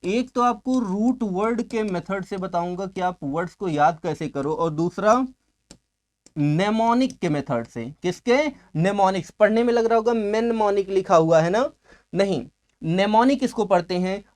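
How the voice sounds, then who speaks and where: A man's voice: sits high, unhurried, darkish tone. A man teaching English vocabulary in an exam-prep lecture, asking questions and answering them himself and stretching out key words for emphasis.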